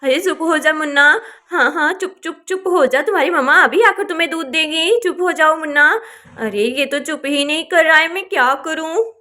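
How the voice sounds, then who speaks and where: A woman's voice: high-pitched, moderate pace, pushed and bright. Woman voicing fretful young doll aunt. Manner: fretful, pleading. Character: young village woman minding her sister's baby.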